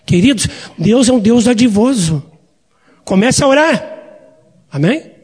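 A man's voice: very high-pitched, lively intonation, a little slow, darkish tone, husky, big-room sound. A male pastor, preaching a sermon in a folksy storytelling way and often addressing the congregation as dear ones.

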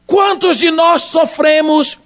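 A man preaching a sermon, swinging dramatically between shouts and hushed asides. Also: very high-pitched, steady tone, slow pace.

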